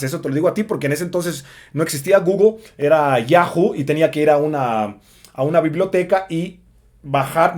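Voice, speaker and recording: Chatty guy teaching english, kinda high voice, lots of ums. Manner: chatty, lots of fillers, sings snippets. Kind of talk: casual spoken lesson.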